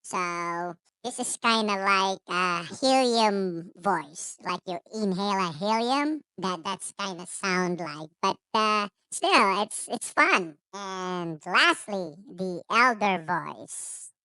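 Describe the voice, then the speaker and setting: Man using a bright clear helium squeak, slow. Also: animated, no room sound, full character voice. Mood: amused. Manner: explaining while testing. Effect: helium voice changer.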